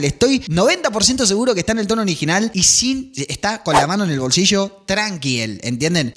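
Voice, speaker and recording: Excitable high-voiced Rioplatense man. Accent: Rioplatense Spanish. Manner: excited, swearing, singing along. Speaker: reaction video host. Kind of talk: casual commentary over music clips. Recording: music clips playing behind.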